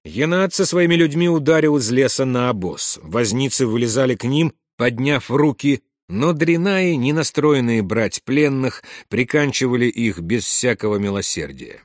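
A man reading a war story aloud in measured scripted narration, dropping to a hush for whispered lines. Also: medium pitch, expressive, dry recording, studio quality. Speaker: audiobook narrator.

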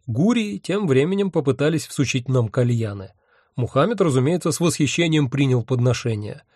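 A male audiobook narrator tells a first-person story with dry, ironic wit, lifting his voice for the lively bits of dialogue. His tone is dark and mellow, at a middle pitch for a man. The recording is close and dry, with no room sound. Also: normal speed, slightly rough, no echo.

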